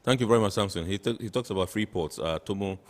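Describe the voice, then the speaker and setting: A male host, moderating a TV phone-in politely and briskly. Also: on the low side, big-room sound. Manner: polite, brisk, many backchannels.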